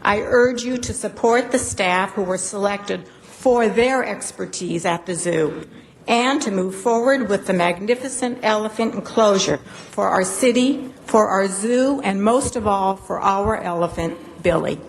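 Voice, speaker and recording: A middle-aged woman gives a prepared statement at a public meeting. She sounds earnest and formal, with an average-pitched voice and a little noise behind her. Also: a little slow, poor audio. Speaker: zoo employee speaking at council meeting. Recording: faint background noise.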